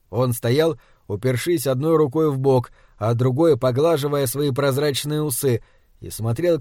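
A man giving steady, measured first-person audiobook narration. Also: medium pitch, no room sound, clean studio sound.

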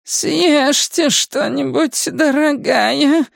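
A high, creaking old woman's voice, as a male reader puts her on, stretching every word slowly and slyly. She is a monstrous storybook hag. The recording is dry and close, with no room sound. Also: no echo, full character voice. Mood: sinister. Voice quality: creaky, slow and drawn out. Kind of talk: audiobook character voice.

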